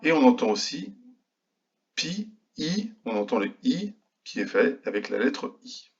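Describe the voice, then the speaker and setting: A male kindergarten teacher giving a remote phonics lesson to young children, slowly and patiently sounding out each letter. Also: on the low side, big pitch swings, husky, muffled recording.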